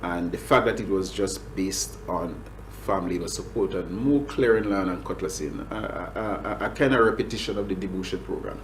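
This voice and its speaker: A man's voice: low-pitched, moderate pace, few pauses, a little hiss or hum, poor audio. A man with a Grenadian accent, a government agriculture official answering interview questions with many restarts and fillers.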